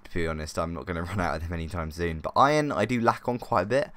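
A man's voice: sits low, fast, a bit bright, no room sound. A man hosting a let's play, giving chatty, easily sidetracked commentary as he plays. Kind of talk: casual gameplay commentary.

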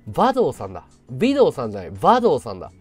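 A man in his thirties hosting a casual livestream, thanking viewers in excitable, loud bursts. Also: mid-range voice, racing, breathy edge, faint music behind. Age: 30s. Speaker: livestream host.

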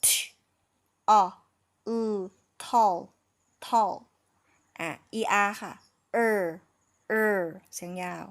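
A Thai-accented woman takes her time through a phonics lesson, her delivery very slow and unhurried. She repeats each word patiently, breaking it into syllables and chuckling when she slips. Her voice sits in a middle register. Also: medium pitch. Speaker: English phonics teacher. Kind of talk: relaxed phonics lesson, drilling words aloud.

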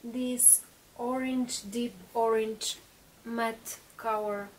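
In a small bedroom, a woman in her thirties, a native Bulgarian speaker and beauty vlogger, talks extremely slowly through a makeup tutorial with lots of fillers and restarts. Her fairly high voice stays fairly even, recorded from a distance with slight background noise and rough quality.

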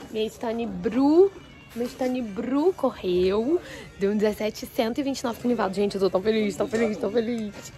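A Brazilian woman vlogging from a horse show, chatting casually with her viewers and cooing at her horses in baby talk. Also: mid-range voice. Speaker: vlogger and barrel racer. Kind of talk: casual vlog narration. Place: horse show grounds, partly outdoors. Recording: outdoor phone video with loud ambient noise.

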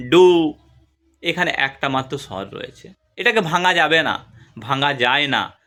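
A young man teaching a grammar lesson, spelling words out letter by letter and drawing syllables out slowly, asking questions and then answering them himself. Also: fairly high pitch, sharp tone. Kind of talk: spoken classroom lesson.

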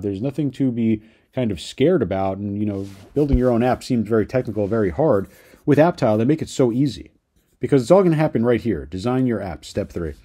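A young adult man walking viewers through a software tutorial in an upbeat way, often tagging his sentences with "right?". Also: mid-range voice. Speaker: online business course creator. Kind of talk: screen-share software tutorial.

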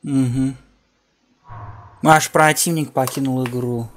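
A man's voice: mid-range voice, steady tone, slow pace, a little hiss or hum. A man giving casual, slangy gameplay commentary with offhand taunts at his opponents. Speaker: gamer commentating own matches. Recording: game music behind voice. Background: fighting game music.

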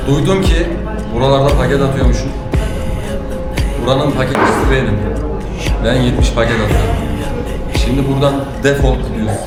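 A man's voice: medium pitch, brisk, pauses often. A man speaking as a rival delivery rider in a skit. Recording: echoey, loud music over voice.

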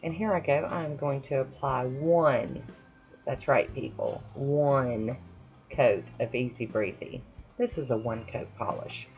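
A nail art vlogger chats casually in a voice-over while painting her own nails at a home manicure station, self-deprecating and full of friendly asides. Her voice is very deep, slow, and a little mellow, with the highs cut off and faint music behind.

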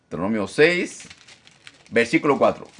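A man teaching a Bible study as pastor, animated, often repeating phrases and checking in with his listeners. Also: moderate pace. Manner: lively, animated teacher who mimics critics in a high mocking voice. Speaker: pastor teaching a discipleship class.

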